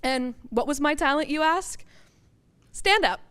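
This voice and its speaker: A woman's voice: high voice, animated, takes it slowly, a bit bright. A young woman doing a stand-up comedy set on a college stage, blunt and self-deprecating, with casual swearing. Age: young adult.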